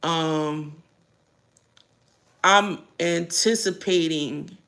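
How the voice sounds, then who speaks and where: A middle-aged American woman vlogger chats bluntly and casually while eating, sometimes with her mouth full, in a rambling video. Her voice sits low and has a fairly bright tone, and she draws out her words. Her manner is blunt and earthy.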